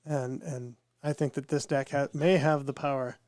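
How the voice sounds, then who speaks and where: A man's voice: mid-range voice, little pitch movement, normal speed, darkish tone, no echo, clean studio sound. A man co-hosting a podcast, talking casually and rambling, his voice nasal from a cold. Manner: rambling, repeats words as he thinks. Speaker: podcast co-host. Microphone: podcast microphone with headphones.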